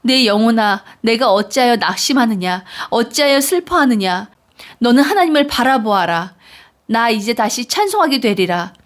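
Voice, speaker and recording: Woman, scripture reading, slightly high voice, slow and earnest. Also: animated. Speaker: Bible reader.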